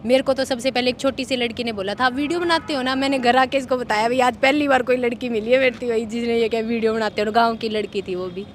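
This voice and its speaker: A young woman chats quickly and casually, laughing easily between her words. Her voice sits high. Faint outdoor traffic hums behind her. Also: steady tone. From Haryana, India. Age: young adult. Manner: chatty and laughing, often says "bhai". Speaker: interviewee, elder of two dancing sisters. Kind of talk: casual interview chat.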